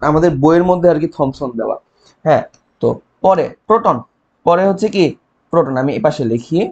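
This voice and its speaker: A man's voice: on the high side, animated, brisk, a little mellow, dull audio. A young man with a Bangladeshi Bengali accent teaching chemistry exam prep, quizzing students with rhetorical questions and mnemonics and checking in often. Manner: frequent "ঠিক আছে?" check-ins. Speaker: chemistry tutor. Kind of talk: online exam-prep lecture.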